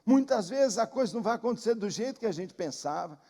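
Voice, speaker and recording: High-voiced Brazilian preacher in a ringing hall. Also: male voice, lively intonation, quick pace, warm tone. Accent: Brazilian Portuguese. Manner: emphatic storytelling, repeating phrases. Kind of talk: sermon. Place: church.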